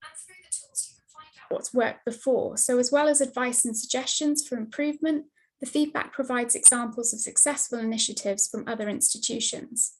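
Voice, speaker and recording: A woman giving a steady, scripted slide presentation over a video call, her mic cutting in and out. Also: fairly high pitch, brisk, rough recording. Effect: video call audio, mic cutting in and out. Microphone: computer mic on a video call.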